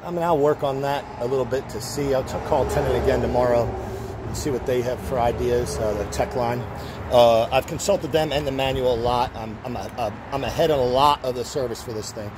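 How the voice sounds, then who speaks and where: A man's voice: mid-range voice, brisk. A middle-aged man casually walking through a machine he is selling, rambling, restarting his sentences and using lots of fillers. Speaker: seller showing a machine. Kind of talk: casual walkthrough. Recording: noisy outdoor recording.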